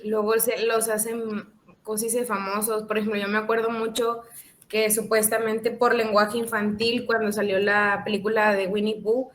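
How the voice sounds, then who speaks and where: Una mujer comenta en clase una anécdota con algo de titubeo. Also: female voice, mid-range voice, level tone, normal speed, a little hiss or hum. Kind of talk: class comment.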